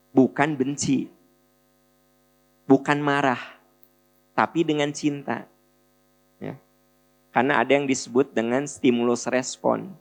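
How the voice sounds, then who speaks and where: A middle-aged man preaching with a Sundanese accent, acting out family conversations in an animated way. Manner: animated, acts out family dialogues with shifting pitch. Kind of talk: sermon. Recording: long hall reverb.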